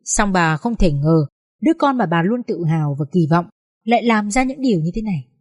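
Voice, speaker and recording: A woman narrating a dramatic family story in an expressive, measured reading. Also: fairly low pitch, no room sound, clean studio sound. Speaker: audiobook narrator.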